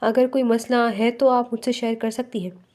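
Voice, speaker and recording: A woman voicing a male office boss in a read-aloud novel, in a softly coaxing voice. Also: a little high, steady tone, normal speed, lightly acted. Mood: concerned. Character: male office boss, caring then menacing.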